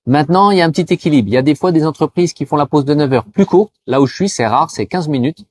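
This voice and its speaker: A French man, a vlogger advising cross-border workers, chats casually with the viewer, calling them "tu" and dropping frequent "euh" fillers. His voice is fairly high with lively intonation, and he slows down to spell out greetings, giving a mini language lesson inside his explanation.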